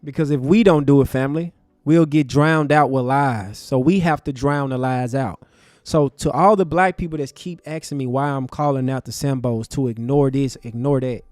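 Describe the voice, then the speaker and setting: A man giving impassioned, profane livestream commentary from his desk, swinging between loud outbursts and low, intense talk. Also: normal speed, no room sound, clean studio sound, soft background music. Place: home desk. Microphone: desk mic.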